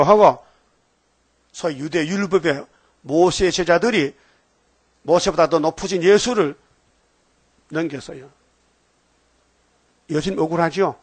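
A man preaching a sermon, telling stories in an animated way and calling out to his listeners for replies. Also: fairly high pitch, dry recording. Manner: animated storytelling, calls out for replies.

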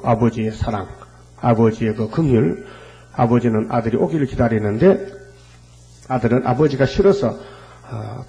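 Gravelly-voiced male pastor preaching. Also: medium pitch, dark tone, poor audio. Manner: fervent preaching with rhetorical questions and frequent fillers. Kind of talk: sermon.

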